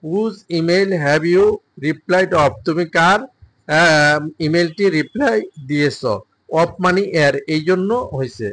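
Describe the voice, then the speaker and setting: A man with a Bengali accent teaching English, drilling sentences slowly with translations and frequent "ah" fillers. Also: fairly high pitch, fairly bright tone, dry recording, rough recording. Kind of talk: bilingual language lesson.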